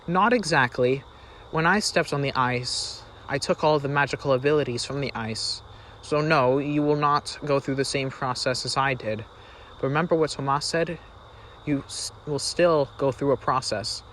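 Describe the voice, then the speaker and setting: A man voicing a calm, assured young sister explaining her magic, as part of fireside storytelling. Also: medium pitch, normal speed, slight background noise, natural voice, low-quality recording.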